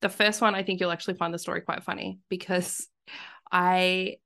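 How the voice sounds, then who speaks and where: A woman's voice: lowish voice, little pitch movement, moderate pace, vocal fry, fairly bright tone. A woman telling a story in a casual podcast chat, laughing often. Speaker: podcast guest.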